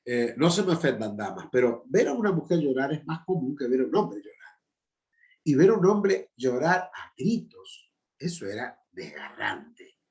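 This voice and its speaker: A man's voice: medium pitch, sing-song, moderate pace, darkish tone. A man in his fifties with an Argentine Spanish accent, a pastor teaching a Bible class in an informal sermon style, with emphatic, chatty asides. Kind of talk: informal sermon-style lecture with personal stories.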